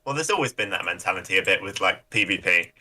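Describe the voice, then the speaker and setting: A man appearing as a guest on a podcast, chatting casually with a relaxed, wry manner. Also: sits low, fast.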